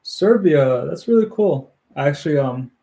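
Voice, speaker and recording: A man's voice: fairly high pitch, expressive, unhurried, gravelly, warm tone. A man from Ukraine hosting a casual livestream, chatting with viewers and laughing often as he builds. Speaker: livestream host. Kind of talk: casual chat with live viewers.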